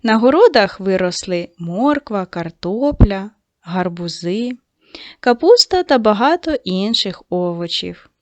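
A woman teacher giving a video lesson to second graders, speaking slowly and patiently and addressing the children directly. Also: medium pitch, very animated, a little mellow, no room sound. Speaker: primary school teacher.

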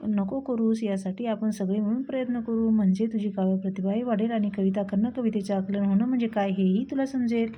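Gentle, joking old grandfather read by a woman, reassuring, mid-pitched. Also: fairly even intonation, fairly quick, few pauses, dull audio, close to an everyday voice. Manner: reassuring, playful rhymes.

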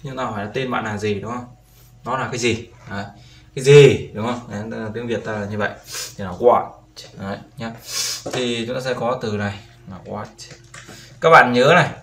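Speaking at a medium pitch in a steady, brisk, slightly bright tone, a man leads a beginner English class. He repeats every word patiently and keeps asking "right?", and the room echoes with faint noise behind him.

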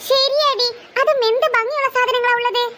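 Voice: very high voice, fairly even intonation, normal speed, bright, forceful tone. A voice actor playing a chatty woman friend in a cartoon, going along with the mother on a trip. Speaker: cartoon character. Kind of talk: cartoon voice acting.

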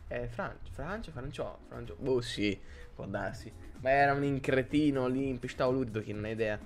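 A man's voice: mid-range voice, moderate pace, soft background music. A man streaming live, chatting casually and rambling as he answers his chat viewers.

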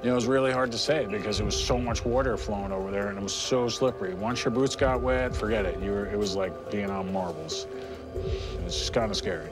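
A man's voice: fairly low pitch, fairly even intonation, quick pace, over music. A middle-aged man, a treasure hunter, talking in a plainspoken, practical way outdoors at a jungle base camp on a lapel mic. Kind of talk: field talk on expedition.

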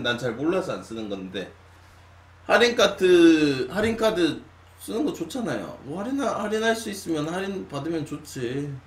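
A man of twenty-nine chatting casually with his stream viewers, musing with long sighs and drifting between loud and quiet. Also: fairly high pitch. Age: 20s. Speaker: live streamer. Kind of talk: casual late-night chat with viewers. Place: small room at a desk. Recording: echoey room, faint hum.

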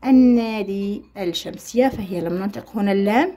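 A woman with a Moroccan Arabic accent teaching primary school children an Arabic lesson, slowly spelling out letter sounds and mixing standard Arabic with Moroccan dialect. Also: mid-range voice, mellow. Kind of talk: explaining a textbook lesson to children.

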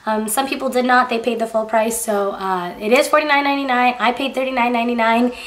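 A woman's voice: on the high side, steady tone, fast, noisy background. Sick-voiced chatty woman vlogger. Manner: chatty, lots of "like" and "um". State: sick, strained voice. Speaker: beauty vlogger. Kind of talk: casual unboxing chat.

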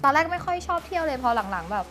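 A young woman, a guest on a studio talk show, telling a frank, animated story in casual chat. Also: high voice, racing, crowd noise. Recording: music playing behind the voice. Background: background music.

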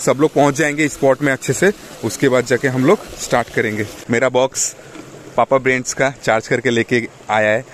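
A man's voice: medium pitch, steady tone, fairly quick. A young man narrating a travel vlog at a rocky waterfall, chatting and showing viewers around, with a phone camera held at arm's length. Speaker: vlogger. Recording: outdoor noise behind.

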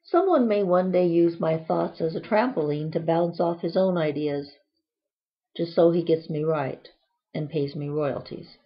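A woman's voice: deep voice, unhurried, highs cut off. A woman reading aloud from her own book in a playful, whimsical way, with quirky asides.

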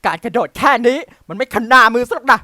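A young man hosting a gameplay video, acting out scenes in a playful, theatrical way and jumping between shouts and mock drama. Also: very high-pitched, animated, fast talker, no echo, clean studio sound. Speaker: gaming channel host. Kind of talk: playful role-play over gameplay.

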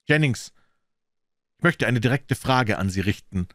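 A man voicing a stern, accusing young gentleman who argues urgently. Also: mid-range voice, expressive, unhurried, no echo, studio quality. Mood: indignant.

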